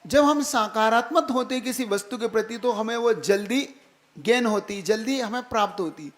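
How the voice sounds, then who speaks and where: A man's voice: sits high, normal speed. A man, a Jain monk, giving a sermon, emphatic, repeating key phrases and often asking if listeners follow. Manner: keeps checking the listeners follow with direct questions.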